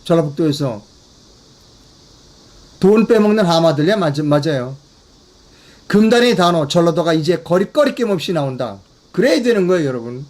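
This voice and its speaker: A man's voice: fairly high pitch, animated, moderate pace, long pauses, a little mellow. Emphatic Korean man hosting commentary. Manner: emphatic, repeating key phrases, addressing viewers directly. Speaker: commentary channel host. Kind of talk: political commentary broadcast.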